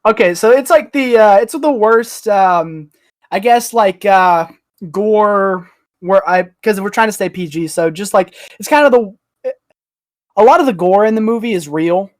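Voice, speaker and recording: An unhurried, mid-range voice with no echo belongs to a panelist on a group podcast. The person chats casually, telling things in a slangy, joking way.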